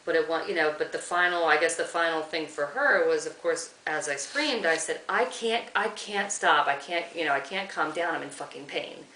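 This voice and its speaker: A woman's voice: sits low, sharp tone. Emotional woman recounting an ordeal, echoey room. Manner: halting, emotional, quoting others. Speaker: interviewee. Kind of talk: recounting an experience in an interview. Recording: echoey room, far from the mic, faint hiss.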